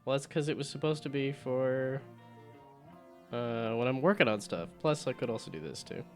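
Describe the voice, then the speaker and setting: A man's voice: medium pitch, moderate pace, soft background music. A man streaming a game, chatting casually, laughing often and reading the game's text aloud.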